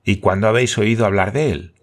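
A man voicing an eager, excitable scholar who asks question after question. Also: lowish voice, a little fast, close to an everyday voice.

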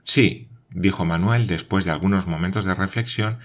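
A man narrating a novel as an audiobook, reading in a measured, even way. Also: sits low.

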